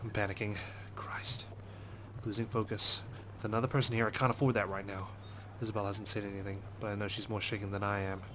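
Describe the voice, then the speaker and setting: Hosting a let's play, a low-voiced man reads visual novel narration expressively, swearing often and dropping his own side remarks. He reads fast in a level tone, with noticeable noise behind him.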